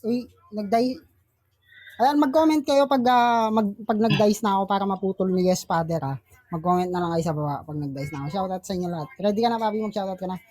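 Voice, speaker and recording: A woman's voice: mid-range voice, quick pace, mellow, no echo, clean studio sound. A woman hosting an online insult battle, chatting and announcing rhythmic introductions. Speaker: battle host.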